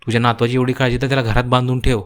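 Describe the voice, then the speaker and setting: A man's voice: mid-range voice, flat delivery, racing, smooth, close to an everyday voice. A man voicing a cruel, spiteful grandmother in a cartoon story, insulting and contemptuous.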